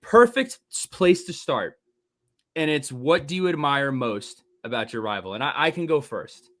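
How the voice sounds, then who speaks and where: A man's voice: medium pitch, expressive, normal speed, fairly bright tone. A man from New Jersey hosting a sports podcast, chatting casually with rambling, teasing rivalry jokes. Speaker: podcast host.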